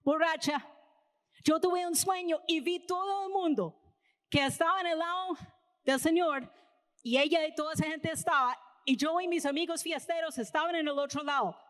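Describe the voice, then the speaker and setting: A high-voiced woman with an American accent preaches in Spanish, speaking as if chatting with her congregation and often tagging her points with a quick question. Her voice carries the long echo of a church hall. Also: a bit bright. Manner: casual storytelling, tags lines with "¿verdad?". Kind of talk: conversational sermon. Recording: reverberant hall.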